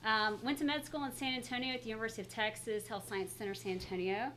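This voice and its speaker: A woman's voice: on the high side, steady tone, fast talker, fairly bright tone. Female guest, middle-aged, casual and chatty, voice coming through a face mask, noisy recording. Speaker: guest pediatrician. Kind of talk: casual interview, telling career story. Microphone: speaking through a face mask.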